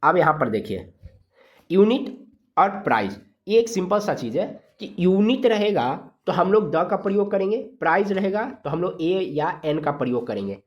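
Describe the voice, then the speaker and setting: A teacher from India giving a grammar lesson, explaining rules step by step, sounding letters out slowly and checking in often with the class. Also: mid-range voice, sing-song. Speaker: exam-prep English grammar teacher.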